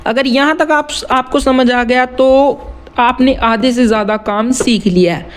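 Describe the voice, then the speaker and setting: A man with a notably high voice walks through rhyme basics in a relaxed tutorial tone. He repeats words slowly, breaking them into syllables, and mixes in English terms. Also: smooth. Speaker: rap writing teacher. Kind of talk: casual tutorial explanation.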